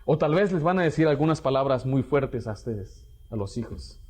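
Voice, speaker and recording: A man preaching a radio sermon, animated and acting out quoted parents and children. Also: medium pitch, normal speed.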